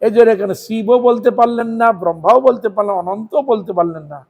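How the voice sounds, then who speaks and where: A man's voice: high-pitched, fast, a little mellow. A man who preaches by telling a devotional story, acting out its dialogue, and closes by chanting. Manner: acts out dialogue in his story, ends with chanting. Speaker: Vaishnava preacher.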